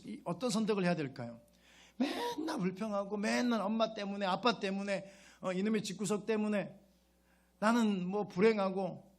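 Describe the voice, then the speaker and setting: A man's voice: high-pitched, husky. A male pastor preaching a sermon in a conversational way, often putting rhetorical questions to his congregation and acting out a child's grateful words.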